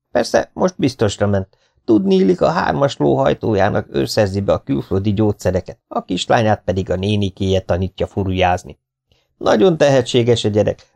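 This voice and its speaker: Chatty entertainer in on the secret, read by a man, animated and lively. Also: mid-range voice, vocal fry. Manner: animated, explaining. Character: cheerful male entertainer, chatty and knowing.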